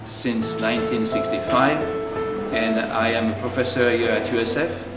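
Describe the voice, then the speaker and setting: An older man from France, a professor introducing himself unhurriedly with small pauses. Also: mid-range voice, flat delivery. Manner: unhurried, pausing with fillers. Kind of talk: brief self-introduction. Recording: echoey hall from far off, loud music.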